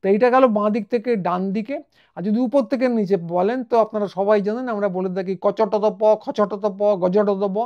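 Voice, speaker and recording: A man's voice: high voice, fairly even intonation, normal speed. A man giving a wry, mocking monologue commentary, sounding letters out one by one. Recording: dull lo-fi sound.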